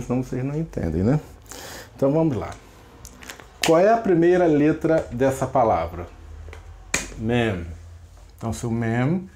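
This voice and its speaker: A man's voice: mid-range voice, a little mellow. A man teaching a class at a board, patiently checking in with the students after each step. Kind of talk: classroom lesson at a whiteboard.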